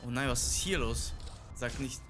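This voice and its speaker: A man commenting on a horror game as he plays it. He gets excitable, repeats himself a lot, and swings between shouting and quiet muttering. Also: mid-range voice, normal speed, loud music behind the voice. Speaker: let's player. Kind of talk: live gaming commentary.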